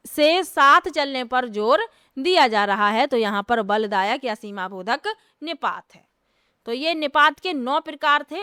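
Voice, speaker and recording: High, bright-voiced woman teaching grammar. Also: smooth, no echo, studio quality. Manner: explains step by step, repeats rhetorical questions. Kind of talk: exam-prep grammar lesson.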